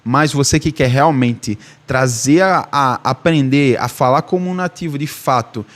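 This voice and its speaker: A man's voice: mid-range voice, measured pace. A man with a Recife accent from Northeast Brazil, giving a casual online language lesson and checking in often with the listener. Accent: Recife Brazilian Portuguese. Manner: casual, chatty, repeats "tá?" and "beleza?". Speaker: language teacher.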